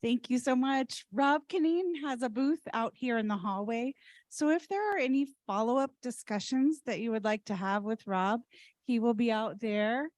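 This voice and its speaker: A woman's voice: on the high side, normal speed, a little mellow, dry recording. A woman moderating a conference session, politely thanking and apologizing to the speaker. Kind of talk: closing remarks. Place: conference room.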